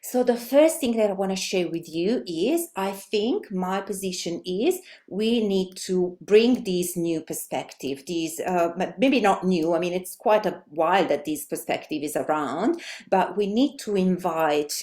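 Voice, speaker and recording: A middle-aged native Italian speaker from Italy, with an Italian accent, presents a language education webinar haltingly, using many fillers and restarts. Her voice is lowish and mellow.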